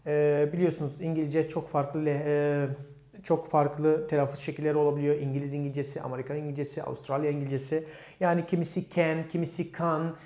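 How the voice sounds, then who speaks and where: A man's voice: on the high side, level tone, fast, mellow. A man teaching English grammar to Turkish speakers. He poses questions to his students and answers them himself, and he says the English examples with a Turkish accent. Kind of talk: explaining grammar step by step. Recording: echoey room.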